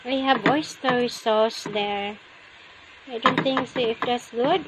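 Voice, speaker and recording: Slow-talking Filipino woman cooking at home. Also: fairly high pitch, fairly even intonation, very noisy. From Philippines. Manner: chatty, addresses viewers as guys, frequent wow and yummy. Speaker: cooking vlogger. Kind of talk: casual cooking vlog narration. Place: home kitchen, indoors. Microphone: handheld phone camera.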